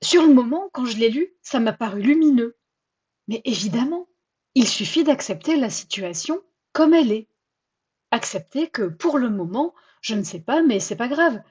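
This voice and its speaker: A woman hosting a personal podcast, telling her own story in a chatty, self-mocking and expressive way. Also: on the high side, normal speed, slightly rough, lo-fi sound. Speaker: podcast host.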